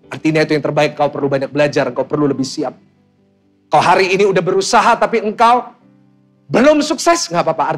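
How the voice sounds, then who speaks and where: A young man preaches with an Indonesian accent, emphatic and calling on his listeners to answer back. His voice sits a little high for a man. Soft instrumental music plays faintly beneath the sermon. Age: young adult. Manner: emphatic, calls on the congregation to answer. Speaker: pastor.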